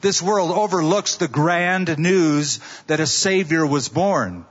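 Pastor guy preaching at a pulpit mic, kinda high voice for a man, chatty storytelling, long church echo. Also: slow pace, lo-fi sound. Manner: conversational storytelling with rhetorical questions. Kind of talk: sermon.

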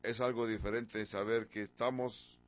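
A man's voice: fairly low pitch, flat delivery, normal speed, no echo. A man in his sixties preaching a sermon, firing off rhetorical questions and pushing certain words with sudden emphasis. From from abroad, a country once ruled by an emperor. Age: 60s.

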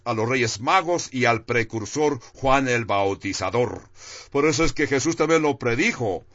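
Slow-speaking preacher man, dry and muffled. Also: a bit bright, dry recording. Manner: preaches slowly and deliberately, rising for emphasis and dropping low on key phrases. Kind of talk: sermon.

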